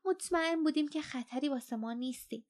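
Woman doing a protective giant creature mom, high and pushy, nagging but caring. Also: creaky. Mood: earnest. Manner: scolding, then earnest and soft. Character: protective mother giant creature, scolding yet gentle. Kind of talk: audiobook character voice.

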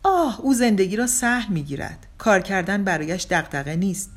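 A woman's voice: medium pitch, expressive, voice pushed up, lightly acted. A woman voicing a breezy young man. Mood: breezy joking. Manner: breezy, joking, self-mocking. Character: cheeky young male ex-surfer, easygoing and flippant. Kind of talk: audiobook character reading.

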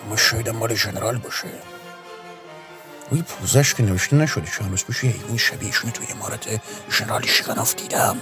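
A man voicing a low-voiced, hesitant subordinate policeman who mutters under his breath. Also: sing-song, few pauses, music in the background, natural voice. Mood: muttering.

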